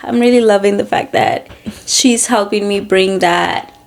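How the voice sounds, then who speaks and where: A woman's voice: mid-range voice, measured pace, gravelly. A woman in her thirties co-hosting a casual podcast, rambling with lots of fillers and restarts. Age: 30s. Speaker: podcast co-host. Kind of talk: casual chat.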